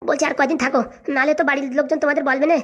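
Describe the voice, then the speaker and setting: A woman's voice: sits high, flat delivery, very fast, fairly bright tone, highs cut off. A woman voicing a meek balding husband in a comic cartoon, pleading and placating his wife and mother.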